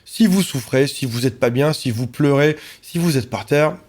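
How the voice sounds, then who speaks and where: A man's voice: mid-range voice, moderate pace, a little mellow. A man, a relationship coach, talking to camera in an earnest, reassuring way and listing points in repeated phrases.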